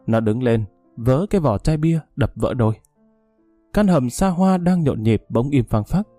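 A man narrates a dramatic story in a measured voice that is warm and mellow. The recording is dry and close. Faint music plays underneath. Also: mid-range voice, animated, no echo.

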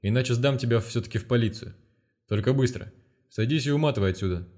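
A man's voice: medium pitch, fast, darkish tone, close to an everyday voice. A stern, commanding male investigator, read by a man narrating the book. He speaks bluntly and with open contempt, close to the reader's own voice. An audiobook character reading.

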